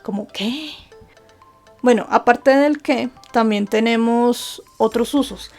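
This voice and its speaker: A woman's voice: on the high side, a little slow, darkish tone. A woman teaching a grammar lesson from slides, patiently asking rhetorical questions and then answering them. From Colombia. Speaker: Japanese teacher. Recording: faint background music.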